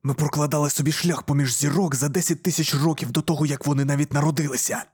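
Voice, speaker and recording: A man's voice: fairly high pitch, steady tone, fast talker, darkish tone, breathy edge. A man voicing a savage, fanatical male armored space warrior who speaks fiercely and boastfully.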